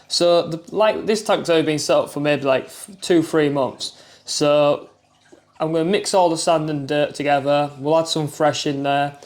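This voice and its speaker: A man's voice: a little high, fairly even intonation, moderate pace. Chatty self-deprecating man. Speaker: aquarium hobby vlogger. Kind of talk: casual chatty tutorial vlog. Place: indoors at home by his fish tanks. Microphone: clip-on mic, then phone mic.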